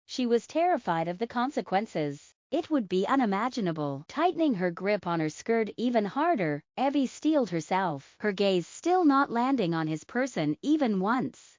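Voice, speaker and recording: A woman narrating a romance audiobook in an expressive, dramatic way. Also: mid-range voice, dry recording. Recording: dull lo-fi dry recording.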